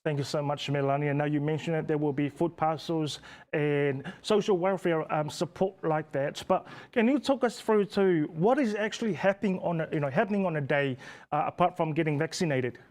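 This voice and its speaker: A man's voice: a little high, a little fast, a little mellow. A man hosting a community health talk show, giving formal, welcoming introductions with a New Zealand Pacific accent. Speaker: host.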